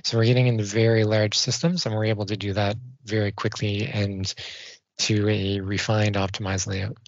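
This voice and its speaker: Low-voiced man explaining calmly. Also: no echo. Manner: measured, technical explanations. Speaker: guest civil designer. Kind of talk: podcast interview answers. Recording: dull dry studio sound.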